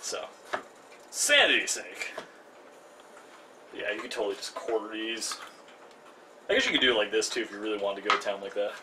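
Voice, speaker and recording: A man's voice: lowish voice, animated, moderate pace, pauses often. A young man hosting a live cooking stream in his home kitchen, chatty and self-mocking with jokey asides. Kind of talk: casual live cooking demo. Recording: distant mic, noisy kitchen.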